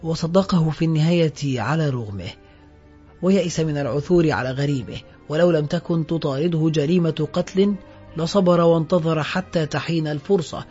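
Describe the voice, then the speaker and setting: A man narrating an audiobook in a measured literary reading, in a dull lo-fi recording with faint music behind. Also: on the high side, a little mellow.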